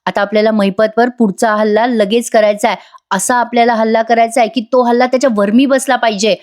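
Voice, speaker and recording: A woman's voice: a little high, fairly even intonation, quick pace, a little mellow, close to an everyday voice. A woman voicing a determined young woman who plans a strike against a villain. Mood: resolute. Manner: earnest, resolute.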